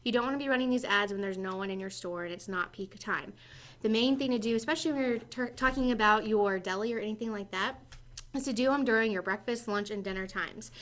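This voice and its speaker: A woman's voice: medium pitch, fast talker, fairly bright tone. A woman co-hosting a casual business podcast, explaining in a confident, instructive way. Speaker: podcast co-host, marketing staff.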